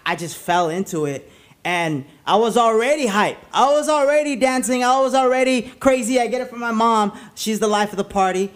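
Guy podcast host w a pretty high voice, hype man type, rambly casual chat, lots of slang. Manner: rambling, halting, with party slang.

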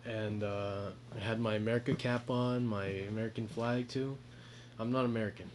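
A man's voice: on the low side, fairly even intonation, moderate pace, slight background noise. A young man co-hosting a casual podcast from his bedroom, joking and laughing often. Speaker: podcast co-host. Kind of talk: casual chat.

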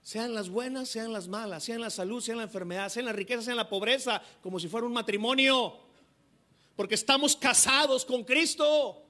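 A man's voice: sits high, a little fast, hardly any pauses, pushed and bright. A male pastor preaching a sermon, acting out quoted dialogue with restarts.

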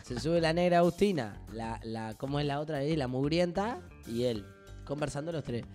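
A young man with a Uruguayan Spanish accent, chatting casually and telling an animated anecdote. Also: a little high, normal speed, soft background music. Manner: animated, acts out voices in anecdotes. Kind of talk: casual chat, storytelling.

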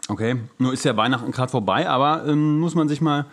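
With a mid-range, fairly bright voice and a slightly quick pace, a male podcast co-host chats casually. He talks in a loose, slangy way that drifts into trailing asides.

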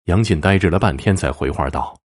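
Deep, husky male storyteller. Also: lively intonation, a little fast. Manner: dramatic, swings between low murmurs and raised bursts. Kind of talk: dramatic story narration.

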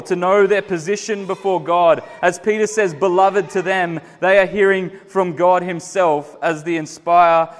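An earnest male preacher delivering a sermon, his fairly high voice rising for emphasis and sinking low for the quieter points. The long reverb of a large hall trails after every phrase. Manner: earnest, emphatic, swells louder then drops soft.

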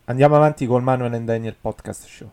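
A young man hosting a comic podcast, bossy and excitable, bursting into shouts. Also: mid-range voice, fast, clean tone. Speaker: podcast host.

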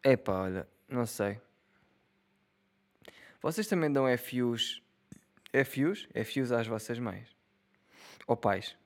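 Taking it slowly with long pauses, this young solo podcaster speaks in an animated, medium-pitched voice with a European Portuguese accent. In his twenties, he rambles casually, cracks jokes, swears freely and laughs at his own humor.

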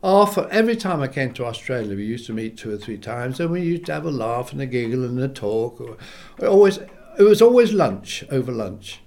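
An older English-born composer, a guest in an interview, reminisces animatedly in a medium-pitched voice. He speaks briskly with few pauses, rambling and acting out the voices he quotes.

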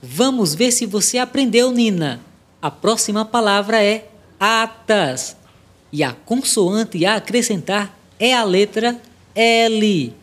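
A woman's voice: mid-range voice, expressive, takes it slowly. A woman voicing a friendly, patient cat who teaches children and meows between lines, in a children's educational audio drama. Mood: kind. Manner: patient, encouraging.

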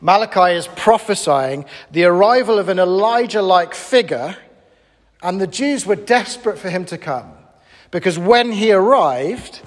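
A man preaching a sermon in an animated, conversational and emphatic way. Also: high voice, big-room sound.

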